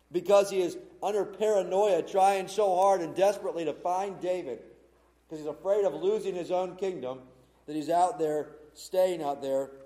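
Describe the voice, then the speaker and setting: A man preaching a sermon in a mellow, darker voice. He retells the scripture story earnestly and conversationally. The room around him is echoey. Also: high-pitched. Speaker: pastor.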